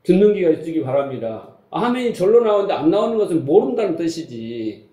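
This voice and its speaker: A male pastor with a high but mellow voice delivers a Sunday sermon in an echoey church hall. He is emphatic and keeps putting rhetorical questions to his listeners, dropping now and then into blunt, casual speech. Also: very animated, fairly quick. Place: church sanctuary.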